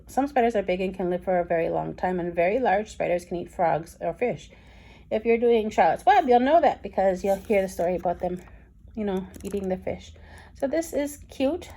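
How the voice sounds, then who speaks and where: A young woman giving a casual review of a reading program, talking quickly and excitedly with frequent ums. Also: a little high. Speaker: homeschool curriculum reviewer.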